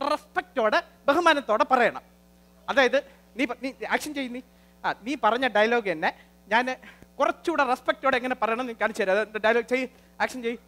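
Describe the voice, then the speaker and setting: A man hosting a live comedy show, talking to the audience in a lively, bossy manner and lecturing his sidekick. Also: very high voice. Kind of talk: live stage comedy and mimicry.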